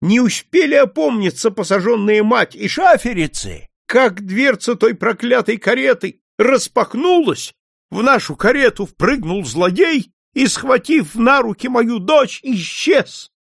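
A man's voice: extremely high pitch, lively intonation, a little slow, gravelly, a bit bright, dry recording, clean studio sound, voice pushed up, full character voice. A man voicing a fat, flustered merchant's wife who wails and shrieks. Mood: agitated. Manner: wailing, shrieking.

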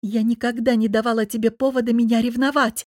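A young wife and dance teacher, defiant yet hurt, voiced by a woman reader. Her lines rise in pitch, pleading and defensive. The recording is close and dry. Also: measured pace, dry recording, close to an everyday voice. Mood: upset arguing.

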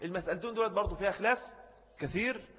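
A man's voice: sits high, racing, pushed and bright, in a large hall. A man with an Egyptian Arabic accent giving a religious jurisprudence lesson. He explains each ruling, repeats the key points and answers student questions as he goes. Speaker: religious teacher.

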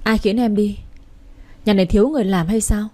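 A woman's voice: medium pitch, fairly even intonation, a little fast, warm tone, lightly acted. A woman voicing a cold, stern young husband who scolds his wife in short, curt lines in a storybook reading. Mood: angry.

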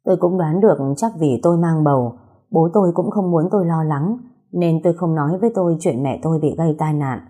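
Female narrator for a first-person audio story; dark, mellow tone, steady and somber. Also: low-pitched, fairly quick.

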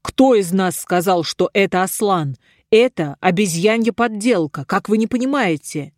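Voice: mid-range voice, expressive, normal speed, no room sound, studio quality, close to an everyday voice. A reader voicing a proud young king who speaks in a commanding, indignant way in a storybook.

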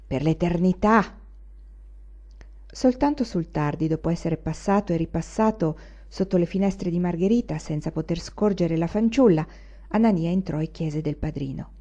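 A woman narrating a classic novel in an expressive, measured way. Her tone is mellow. The recording has a dull, lo-fi sound. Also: on the low side. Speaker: audiobook reader. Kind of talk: literary audiobook narration.

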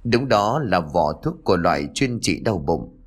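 Male horror narrator, low voice and lively inflection, dramatic reading. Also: a little slow, breathy edge. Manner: expressive storytelling, dramatic rise and fall. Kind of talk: scripted narration.

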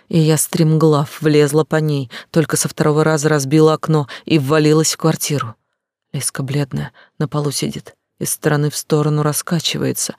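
A reader narrating a dramatic first-person story with urgent feeling. The voice sits at a middle pitch and is recorded dry and close, with no room echo. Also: a little mellow. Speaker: audiobook narrator.

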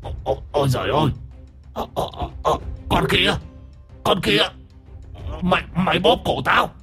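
A man's voice: fairly high pitch, lively intonation, normal speed, pushed and bright, soft background music, pitched above the performer's own voice. A man voicing a frightened male ghost that wails and begs in a ghost story. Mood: wailing panic. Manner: wailing, begging.

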